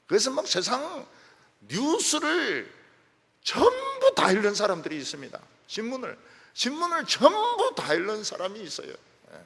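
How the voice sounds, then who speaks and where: A gravelly-voiced male pastor preaching with a lively, rising-and-falling delivery. His voice swings between loud emphasis and soft trailing ends. The sermon rings out with a long reverb in a church hall. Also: sits high, normal speed. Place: church sanctuary.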